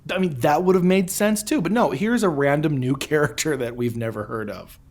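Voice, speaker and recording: A man co-hosting a film review show, casually recapping with halting, repetitive phrasing. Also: fairly high pitch, a little mellow. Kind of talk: casual amused movie recap chat.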